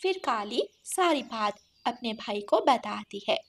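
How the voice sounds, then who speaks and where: High-voiced woman narrating a cartoon. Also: measured pace, slight background noise. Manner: plain, steady storytelling. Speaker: storyteller.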